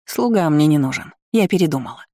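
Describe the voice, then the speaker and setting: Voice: medium pitch, animated, fairly quick, warm tone, dry recording, studio quality, close to an everyday voice. A reader voicing a cruel, scheming vampire woman who mocks everyone with contempt. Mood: scornful. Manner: mocking, contemptuous, theatrical laughter.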